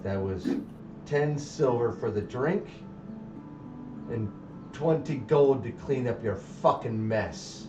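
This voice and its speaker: A man voicing a gruff male tavern keeper with a folksy, chummy manner. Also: mid-range voice, animated, takes it slowly, pauses often, darkish tone, highs cut off, a little hiss or hum.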